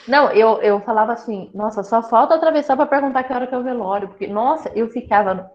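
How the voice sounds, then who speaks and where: A woman from a small town in Brazil tells her own story in a casual talk. She jokes a lot and acts out other people's lines. Her voice sits a little high and comes through dull and lo-fi. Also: fast talker. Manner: lively, joking storyteller. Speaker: breast cancer patient sharing her story. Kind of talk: casual conversation. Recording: dull lo-fi sound.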